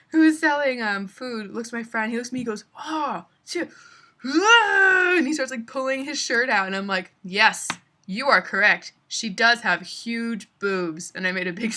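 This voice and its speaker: A woman's voice: fairly high pitch, sharp tone. A young adult woman chatting through a casual travel story, full of fillers. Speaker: vlogger.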